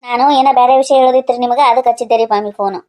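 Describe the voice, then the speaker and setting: A woman's voice: fairly high pitch, steady tone, racing, darkish tone, lightly acted. A woman voicing a chatty young niece in a cartoon who complains about a friend, speaking. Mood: complaining.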